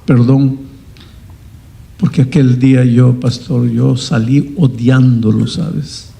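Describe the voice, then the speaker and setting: A man voicing a bitter young man who cannot walk, shouting angrily at first and pleading humbly later. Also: mid-range voice, steady tone, takes it slowly, creaky. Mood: remorseful.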